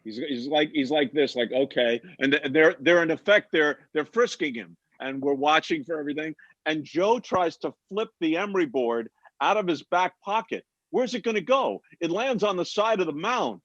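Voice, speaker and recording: A man's voice: a little high, expressive, a bit bright, dry recording. A man moderating a panel discussion, chatty and laughing along, setting up questions with short stories of his own. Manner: chatty, laughs along, tells quick stories before asking. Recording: dull dry close mic.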